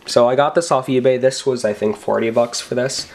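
Sitting at his bedroom desk indoors, a young tech vlogger who is getting over a cold talks casually through a home tech show-and-tell, rambling with fillers and self-corrections. He speaks briskly at a medium pitch, in a steady, darkish tone.

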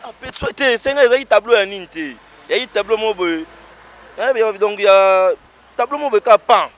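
Animated man telling stories. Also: high-pitched, moderate pace. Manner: animated storytelling, swings between soft asides and loud bursts. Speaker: stage comedian and actor being interviewed. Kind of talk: casual interview chat.

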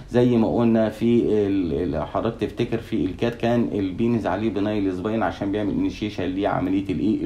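A man with an Egyptian Arabic accent teaches at a brisk clip, slipping English technical terms into his Arabic. His voice sits low and mellow. He often pauses on a question and answers it himself. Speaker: veterinary anatomy lecturer. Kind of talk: recorded lecture.

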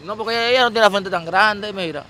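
A man's voice: sits high, fast talker, pushed and bright. A man with a Dominican accent, interviewing someone on the street in a playful, teasing way.

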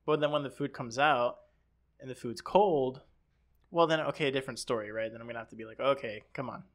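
A man's voice: medium pitch, fast. A man co-hosting a podcast in casual chat, rambling and acting out quoted people as he tells stories. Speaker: podcast co-host.

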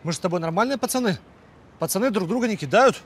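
A brawny but dim young tough in a cartoon comedy. The voice is high for a man. He talks in blunt, cocky slang, with faint noise behind. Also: lively intonation, racing. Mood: proud, easygoing. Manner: slangy, blunt, garbles sayings. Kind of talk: animated comedy dialogue.

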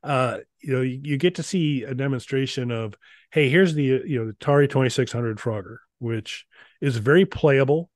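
A middle-aged man co-hosts a retro gaming show from a small indoor room, speaking casually and unscripted at normal speed in a mid-range voice. He rambles, stops and starts, with a wry touch. The recording is dry and close, with little room sound.

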